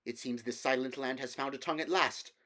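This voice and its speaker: A man's voice: medium pitch, a little fast, bright, forceful tone, pitched above the performer's own voice, lightly acted. A man voicing a noble young prince in a storybook reading, with archaic, formal, declamatory speech. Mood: courtly wonder.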